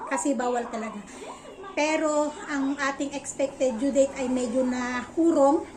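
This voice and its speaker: Young Filipino woman, high voice, casual chatty vlog delivery, often pausing to find words. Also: low-quality recording. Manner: chatty, searches for words, many fillers. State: slightly out of breath. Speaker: vlogger.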